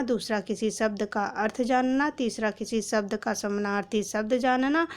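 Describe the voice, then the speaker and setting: A woman teacher giving an exam prep lesson, reading out quiz questions, numbering each option and then announcing the correct answer. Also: on the high side.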